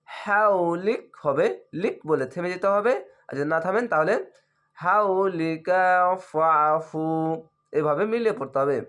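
A man teaching Quran reading, drawing out each word slowly in a chant, then explaining the rules in quick plain speech. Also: high-pitched, fairly bright tone. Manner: drawn-out chanting of words between quick explanations. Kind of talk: slow spelled-out recitation lesson.

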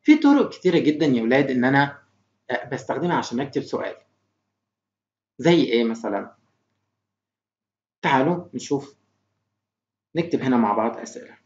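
A man with an Egyptian Arabic accent teaching an English lesson, stretching words out slowly for the class to repeat. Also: medium pitch, very animated, darkish tone. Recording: roomy, dull lo-fi recording.

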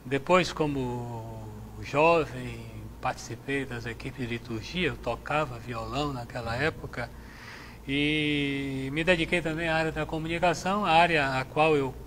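A middle-aged man, a Jesuit priest from Salvador, answering interview questions in a measured, reflective way on a lapel mic in a TV studio. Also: mid-range voice, fairly bright tone, slight background noise. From Salvador, Bahia, Brazil. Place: TV studio with chapel set.

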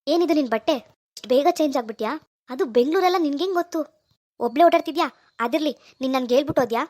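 A woman's voice: high-pitched, very fast, darkish tone, lightly acted. A woman voicing a worried, jealous young husband from a village, scolding and muttering to himself. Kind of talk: cartoon voice acting.

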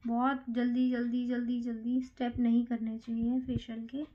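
A woman beautician calmly explaining a facial massage step by step in a salon, counting strokes aloud as she works. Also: on the high side, moderate pace, highs cut off. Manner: calm, counts strokes aloud while working. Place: salon treatment room.

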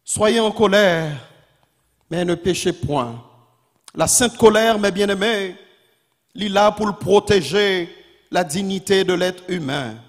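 Fiery high-voiced preacher in a reverberant hall. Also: male voice, unhurried. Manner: fiery, repetitive preaching cadence, rising to shouts. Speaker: pastor. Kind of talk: sermon.

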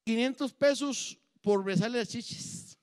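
A man's voice: very high voice, a little slow, darkish tone, pitched above the performer's own voice. A man voicing a shameless, pushy drunk man with a brash, slurred delivery.

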